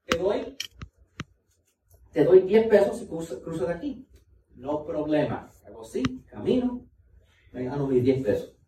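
A man's voice: fairly high pitch, mellow, roomy sound, recorded from a distance, a little hiss or hum, rough recording. A male pastor preaching a sermon, emphatic, repeating key points and talking straight to the congregation.

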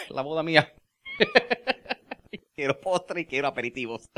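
A man's voice: on the high side, expressive, bright, forceful tone. Playful man preaching a sermon. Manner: playful, joking asides and laughter; drawn-out emphatic phrases. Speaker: pastor. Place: church.

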